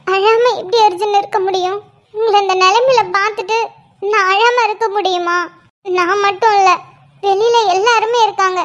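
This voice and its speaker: A woman's voice: very high voice, fairly even intonation, moderate pace, fairly bright tone. A woman voicing a tearful young pregnant wife in a cartoon, pleading with her injured husband. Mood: emotional. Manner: pleading, emotional. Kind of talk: cartoon voice acting.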